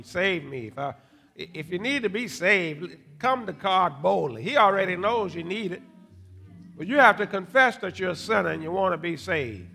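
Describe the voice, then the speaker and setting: Older male preacher, gravelly and forceful, exhorting a congregation in church-sermon style. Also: high voice. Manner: exhortatory, repeatedly punctuating with amen. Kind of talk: church sermon with altar call.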